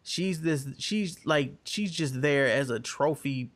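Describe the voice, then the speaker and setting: A man's voice: on the high side, slow. A man hosting a podcast, casually reviewing a TV episode and acting out characters' quoted lines as he retells it. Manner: animated storytelling, acts out quoted lines. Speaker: podcast host.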